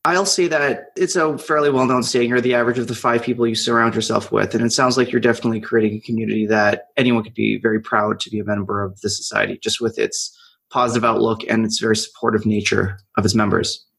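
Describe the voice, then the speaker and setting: A man's voice: lowish voice, little pitch movement, fast talker, vocal fry, a bit bright, husky. A man hosting a podcast interview, asking questions in a conversational way.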